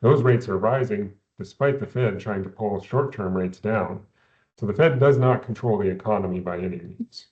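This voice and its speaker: A man, an investment adviser, explaining economics in a measured way, often repeating words at the start of phrases, heard over a video call. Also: fairly low pitch, a little mellow, muffled recording. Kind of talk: explaining economics in a recorded company Q&A.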